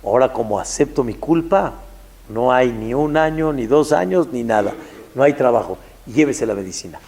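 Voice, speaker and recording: Man doing a curt gravelly pharmacist. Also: mid-range voice, lively intonation, moderate pace, a little mellow. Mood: relieved. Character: curt male pharmacist, stern then remorseful.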